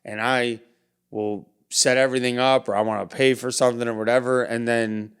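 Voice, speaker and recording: A man's voice: mid-range voice, little pitch movement, fairly quick, smooth. A man hosting a podcast who talks frankly and casually, swearing now and then. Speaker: podcast host.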